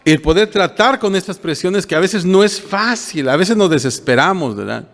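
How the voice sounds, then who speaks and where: Older pastor with a high-set voice. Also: male voice, lively intonation, moderate pace, a bit bright, in a large hall. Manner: homely, plain-spoken, often asks the congregation "¿verdad?". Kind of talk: conversational sermon.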